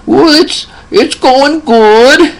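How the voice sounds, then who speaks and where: A man voicing a tiny, sweet old country man in his seventies who speaks in a high, slow and earnest way. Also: exaggerated voice, rough recording. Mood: confiding earnest.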